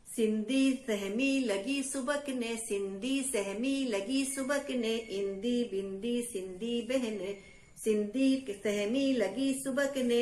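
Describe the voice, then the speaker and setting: A woman poet performs rhyming verses for children, chanting each refrain over and over in a sing-song way. Her voice sits somewhat high and moves at a slow, unhurried pace. The recording has a noticeable roomy echo. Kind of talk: reciting rhyming children's poems.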